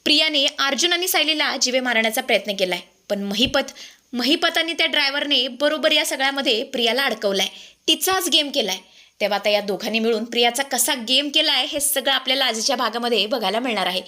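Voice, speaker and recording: A woman telling an episode recap in a brisk, dramatic storytelling manner. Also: high-pitched, sharp tone. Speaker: serial recap narrator.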